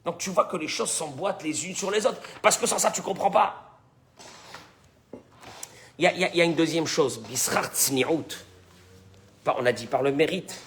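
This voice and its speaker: A man's voice: on the high side, moderate pace, pauses often, a little hiss or hum. A man, a rabbi teaching the weekly portion, who acts out dialogue and keeps asking his listeners questions. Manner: animated, dramatizes dialogue, repeats words, questions the audience. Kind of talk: Torah class.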